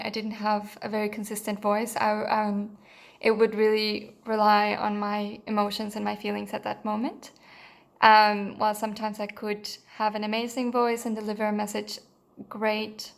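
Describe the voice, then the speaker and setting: Speaking in a medium-pitched, flat and even voice, a Mexican woman offers an off-the-cuff testimonial about a course she took. She is earnest, though her delivery is hesitant and full of fillers and restarts.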